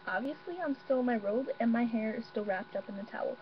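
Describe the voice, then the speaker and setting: A young woman vlogging from her bedroom, excitable and rambling, with lots of fillers. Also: a little high, quick pace. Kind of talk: casual vlog. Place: bedroom at home. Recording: dull lo-fi webcam audio with faint mains hum.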